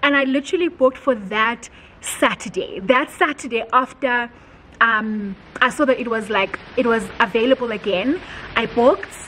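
A young woman tells a story in a casual sit-down home vlog, animated and heartfelt, with many filler words. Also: fairly high pitch, moderate pace, slight background noise, poor audio. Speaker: vlogger. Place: home, indoors.

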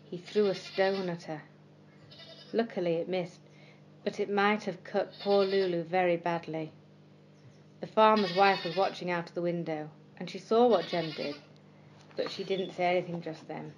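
A woman storyteller reading bedtime stories for children in a gentle, expressive way. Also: on the low side, moderate pace, lo-fi sound, slight background noise.

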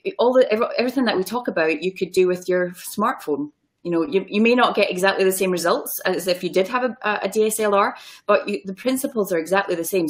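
A woman guest chatting casually on a live online class, rambling and halting with restarts. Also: fairly low pitch. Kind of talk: casual chat.

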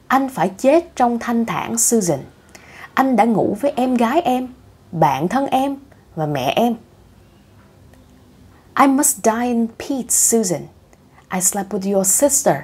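A woman's voice: on the high side, darkish tone, husky, pitched above the performer's own voice, exaggerated voice. A woman reading the lines of a dying husband who confesses to his wife, in a tired voice. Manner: tired, weak voice.

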